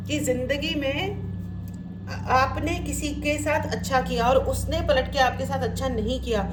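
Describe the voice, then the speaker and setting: A woman with a fairly high voice gives a spiritual tarot reading, talking to viewers as friends and switching freely between Hindi and English. She sounds like she is in a room with noticeable echo. A faint background noise runs underneath. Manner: mixes Hindi with English, addresses viewers as friends, warm reassuring asides. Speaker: tarot reader.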